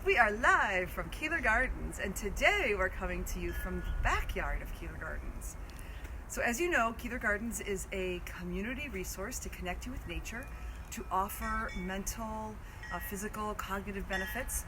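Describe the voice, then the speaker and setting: Outdoor live video with clear background noise and passing vehicle sound. A woman of average pitch hosts an informal garden explainer. She talks in a stop-and-start, halting way as she goes. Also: expressive.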